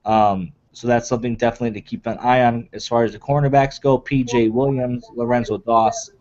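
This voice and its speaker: A man co-hosting a sports draft show talks in a casual, chatty way as he runs down the picks. His voice sits at an ordinary pitch. The recording is dull and a little lo-fi. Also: flat delivery, fairly quick, darkish tone. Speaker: co-host of draft podcast.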